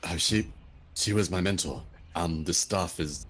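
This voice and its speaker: A man playing an earnest, courteous dragonborn, speaking in measured, hesitant, formal phrases in a tabletop game. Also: low voice, fairly bright tone, a little hiss or hum. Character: earnest, courteous male dragonborn raised by goblins.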